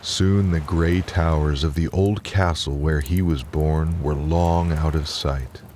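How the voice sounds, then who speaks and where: Very deep, slow, soothing male bedtime narrator. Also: a little hiss or hum. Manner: soothing, calm, unhurried. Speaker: relaxation narrator and storyteller. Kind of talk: slow guided relaxation and bedtime story narration.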